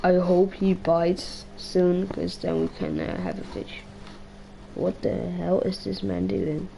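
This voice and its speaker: A woman's voice: fairly low pitch, expressive, slow, gravelly, warm tone, a little hiss or hum, rough recording. A young woman livestreaming a game, rambling in a casual, slangy way with a strained, worn-out voice. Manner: rambling, slangy, swears, talks to herself. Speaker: gaming livestreamer. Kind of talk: casual live-stream chat while playing.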